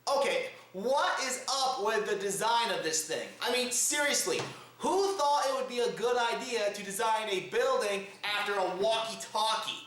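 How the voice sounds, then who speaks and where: This man hosts a comedic news show, speaking to camera with theatrical, exaggerated showmanship. His voice is high and a bit bright at a normal speed, recorded at home in a roomy space full of echo.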